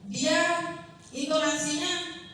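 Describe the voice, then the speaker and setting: A woman's voice: sits high, fairly even intonation, sharp tone, a little hiss or hum. Young woman doing a seminar talk, lots of ums and sorry-let-me-fix-that, super echoey, mic far away. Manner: halting, apologetic, many fillers and self-corrections. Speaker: student presenter. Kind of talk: academic seminar presentation.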